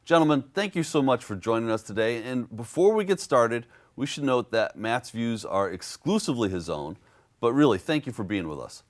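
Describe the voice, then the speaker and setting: A man hosting a public affairs interview show, asking measured questions with frequent fillers. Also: medium pitch, big pitch swings. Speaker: host.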